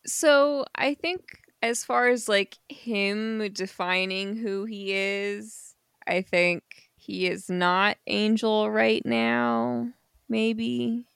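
Slow, smooth-voiced woman with dry wit. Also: medium pitch, fairly even intonation, fairly bright tone, dry recording. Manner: dry, wry remarks, thinks aloud. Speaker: podcast co-host. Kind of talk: casual comic book club chat.

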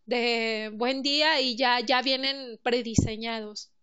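A woman's voice: on the high side, steady tone, takes it slowly, a bit bright, smooth. A woman with a Mexican accent giving an earnest motivational talk, asking the listener direct questions. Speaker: speaker on emotional wellbeing.

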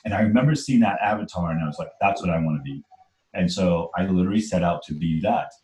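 A man from Trinidad, in his forties, talks fast about his life as an interview guest, his voice low with a darkish tone. He presses his points earnestly and keeps asking "right?", and the sound is roomy.

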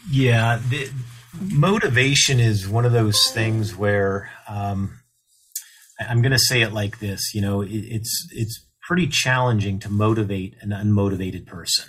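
A man as a guest expert on a radio talk show, explaining leadership in a measured way and slowing down to stress key terms. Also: on the low side, a bit bright, husky.

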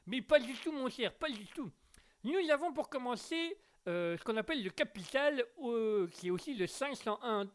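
A man's voice: very high voice, expressive, normal speed, smooth, voice pushed up. A man playing a pompous male know-it-all who lectures about the rules. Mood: lecturing.

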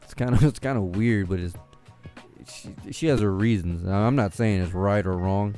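A man chats loosely with friends, cursing casually and breaking into laughter. His voice sits on the low side. Faint music plays softly behind him. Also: moderate pace. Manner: profane, laughs often. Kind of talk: casual chat.

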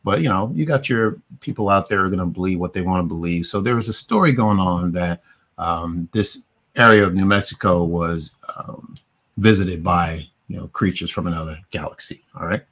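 A middle-aged man with a fairly low voice hosts a relaxed film review. He rambles, circling back with fillers and restarts as he works through his points. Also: normal speed. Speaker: podcast host. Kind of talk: casual movie review chat.

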